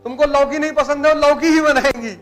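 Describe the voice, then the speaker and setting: High-voiced blunt teaching man. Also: steady tone, brisk, a bit bright, soft background music. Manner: blunt, teasing, colloquial advice. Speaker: motivational teacher. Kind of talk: motivational lecture to students.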